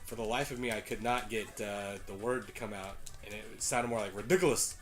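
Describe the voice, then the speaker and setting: A man's voice: fairly low pitch, steady tone, brisk, a bit bright, soft background music. A man hosting a casual video game show, talking in a laid-back, teasing way with casual swearing. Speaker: host playing a video game. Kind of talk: casual gaming chat.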